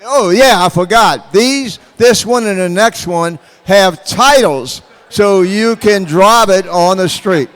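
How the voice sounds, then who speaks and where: Male lot announcer at an auction. Clear, slow-paced, informal sales talk with long hall reverb from the PA. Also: high voice, a bit bright. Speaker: auction announcer describing lots. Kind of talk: unscripted sales commentary on cars.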